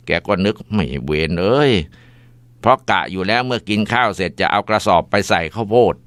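A man telling a ghost story in a relaxed, informal way, close to the mic. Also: lowish voice, fast, clear, resonant tone, no echo.

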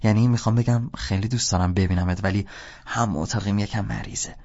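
A man's voice: fairly low pitch, fairly even intonation, darkish tone. Guy doing a nervous teen boy trying to sound grown up, lotta uhs, dull audio. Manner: hesitant, overly polite, full of "uh". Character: teenage boy faking a grown-up voice.

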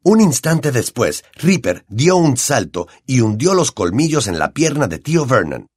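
An expressive male audiobook narrator with a Latin American Spanish accent, his pitch moving lively through the story. The recording is close and dry, with no room sound. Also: measured pace, slightly rough, no echo. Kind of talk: scripted narration.

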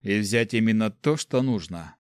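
A man's voice: on the low side, moderate pace, smooth, dry recording, studio quality, close to an everyday voice. A man voicing a cautious male cleric who sighs with worry. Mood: worried. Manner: cautious, sighing.

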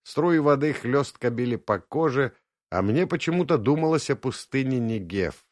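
A man reading an audiobook in first-person narration, expressive and lightly ironic, on a close studio mic. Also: mid-range voice, moderate pace, no room sound.

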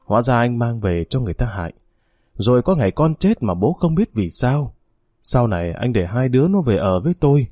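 A man voicing a sharp-tongued, scolding old grandmother. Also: medium pitch, sing-song, fairly quick, no echo, studio quality. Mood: bitter reproach. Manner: scolding, cursing.

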